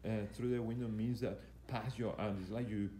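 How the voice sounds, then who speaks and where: A man's voice: lowish voice, steady tone, moderate pace, dark tone. A man working as a fitness coach explains exercises as they are demonstrated, in a hesitant, repetitive, instructional way. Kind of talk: live exercise demonstration commentary. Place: indoor gym. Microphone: handheld camera operated by the speaker. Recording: echoey room, faint background noise.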